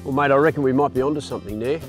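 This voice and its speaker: A man explaining lure technique while fishing outdoors on a jetty, in a relaxed, upbeat way. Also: medium pitch, racing, music in the background. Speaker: angler demonstrating lures. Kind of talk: casual fishing demonstration. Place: outdoors on a marina jetty by the water.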